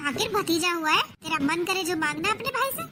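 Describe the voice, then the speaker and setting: A woman's voice: very high-pitched, expressive, fairly quick, noisy background. Woman playing an indulgent mother-in-law. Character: indulgent mother-in-law, taking her daughter's side. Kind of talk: village family comedy skit.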